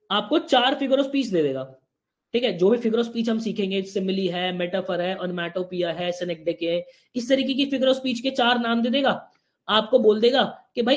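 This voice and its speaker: Chatty male teacher, live class. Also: very high-pitched. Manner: chatty, explains with repeated check-ins and slow spelled-out examples. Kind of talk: live online exam-prep class.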